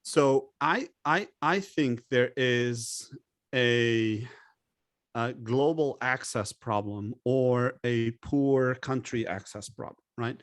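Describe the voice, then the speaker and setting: A man's voice: mid-range voice, takes it slowly, dry recording. Guy from lebanon explaining stuff, fired up, throws rhetorical questions around, super dry close sound. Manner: emphatic, poses rhetorical questions. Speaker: guest expert on public health. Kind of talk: conversational interview.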